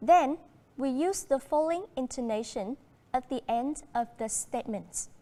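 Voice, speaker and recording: A woman with a Vietnamese accent teaching a primary school English lesson, speaking slowly and clearly and switching between English and Vietnamese. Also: high-pitched, animated, warm tone, long reverb tail.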